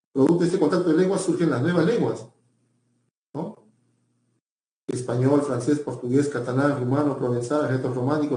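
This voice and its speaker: A man's voice: medium pitch, mellow, reverberant. A male teacher giving a pre-university language lecture, often repeating himself and checking in with his students.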